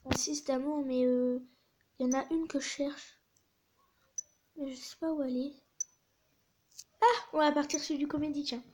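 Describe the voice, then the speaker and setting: Woman host, casual chat, swears, high voice. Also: fairly even intonation, normal speed, pauses often, a little mellow. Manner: chatty, swears, drops to whispers. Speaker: video host reading chat stories.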